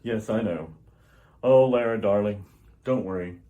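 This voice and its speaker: With phone-quality sound, a man speaks in a natural, low-side voice at a measured pace. He plays an earnest, urgent alien scientist who is a husband and father in old-style radio theater, his delivery grave and theatrical and the mood tender and earnest.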